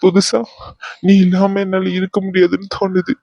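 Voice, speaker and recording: A man playing a quiet young man devoted to his girlfriend, speaking softly and earnestly. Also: sits high, completely flat delivery, moderate pace, creaky, no echo, lo-fi sound. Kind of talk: amateur web drama acting.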